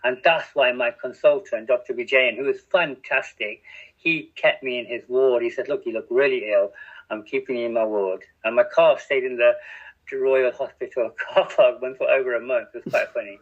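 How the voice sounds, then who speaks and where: A middle-aged Englishman with a medium-pitched, steady voice talks at a normal pace as a podcast guest. He is a radio community editor giving a candid conversational interview, speaking openly and reflectively, often restarting sentences and laughing at himself. The line sounds tinny, like a phone.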